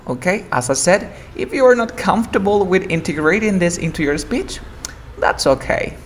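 Bright-voiced man teaching pronunciation. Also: high voice, lively intonation, slight background noise. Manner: explains patiently and repeats example words slowly and with emphasis. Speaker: English teacher. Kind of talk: bilingual pronunciation lesson.

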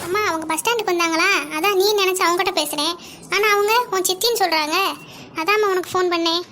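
An earnest young college girl in a cartoon, voiced by a woman, pleads with her mother. Her voice is very high and bright. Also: fairly even intonation, quick pace, soft background music. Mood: pleading.

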